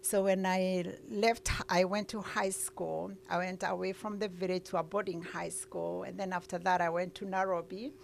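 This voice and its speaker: A woman's voice: on the low side, little pitch movement, moderate pace, vocal fry, hardly any pauses, a little hiss or hum. A middle-aged woman with a Kenyan accent, telling her life story as an interview guest in an earnest way. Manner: earnest storytelling, with frequent uhs.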